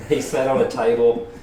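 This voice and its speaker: A man guest retelling a funny story in casual chat, chuckling as he goes. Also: medium pitch. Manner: laid-back, chuckling, animated retelling. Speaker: podcast guest. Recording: very echoey room, distant mic, faint noise.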